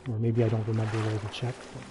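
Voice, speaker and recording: A man's voice: lowish voice, completely flat delivery, fast talker, music in the background. A man streaming a game, giving casual, hesitant commentary with many fillers and restarts. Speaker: gaming livestreamer.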